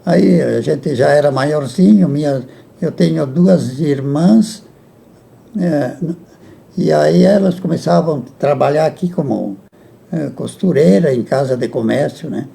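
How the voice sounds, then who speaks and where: A man, a guest recalling his youth in a halting way that repeats words, with frequent chuckles. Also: a little high, gravelly, warm tone. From Rio Grande do Sul, Brazil. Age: 80s. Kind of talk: reminiscing in a casual interview.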